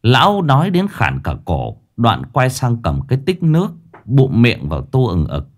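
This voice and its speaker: A man narrating a ghost story in a lively, dramatic way. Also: medium pitch, moderate pace.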